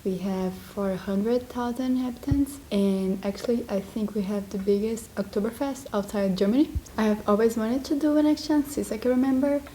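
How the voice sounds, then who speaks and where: Teen girl, chatty and upbeat, warm mellow voice. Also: on the high side, fairly even intonation, moderate pace, few pauses, slight background noise, poor audio. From Brazil. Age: late teens. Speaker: exchange student.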